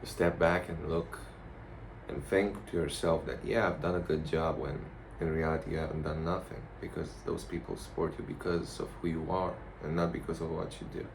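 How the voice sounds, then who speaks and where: A man giving a casual, rambling vlog monologue in a blunt, profane, halting way. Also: very deep voice, steady tone, gravelly. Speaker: vlogger. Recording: noticeable background noise.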